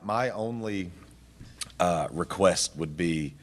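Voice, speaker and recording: A man speaking as a city official at a meeting, halting and repeating his words. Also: sits low. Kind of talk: hesitant spontaneous meeting remarks.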